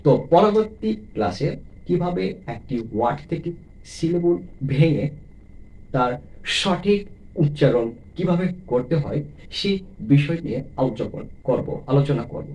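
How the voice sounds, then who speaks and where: A man teaching English pronunciation in a video lesson, explaining step by step and slowly stretching out example words. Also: on the high side, lively intonation, darkish tone, low-quality recording. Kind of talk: classroom-style video lesson.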